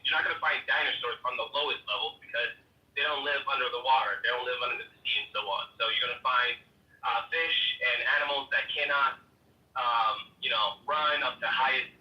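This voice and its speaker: A man calling in to a debate, firing quick questions with many restarts. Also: mid-range voice, steady tone, echoey room, distant mic, dull audio. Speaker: caller. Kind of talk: call-in debate.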